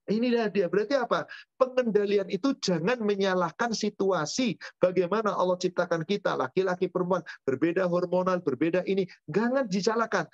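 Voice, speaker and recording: An Islamic teacher leads a religious study session, his voice sitting high in a dry recording. When asked questions, he responds with rhetorical questions of his own and lists points aloud. The sound is dull and lo-fi.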